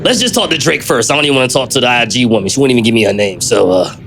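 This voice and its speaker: A brash TV judge who brushes everyone off and rambles on, played by a man in a comedy courtroom skit. The voice sits mid-pitched with a faint hiss underneath. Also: lively intonation, racing, fairly bright tone. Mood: bossy. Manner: blustering, dismissive, rambling. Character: brash loudmouthed male TV-style judge. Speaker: podcast co-host.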